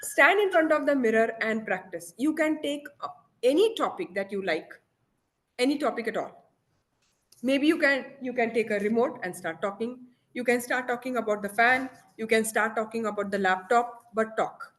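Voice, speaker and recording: A woman giving a motivational talk from home. She switches between English and Hindi, tells stories in an animated way and keeps checking in with her listeners by asking "okay?". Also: a little high, moderate pace. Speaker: guest speaker.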